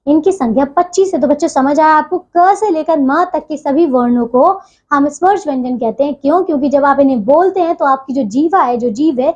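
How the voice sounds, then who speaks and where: A woman teaching a grammar lesson to children, slowing down to spell out each sound and checking in again and again. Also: high voice, warm tone. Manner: repeats "ठीक है" as a check-in, slows to spell out sounds. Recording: dull lo-fi audio.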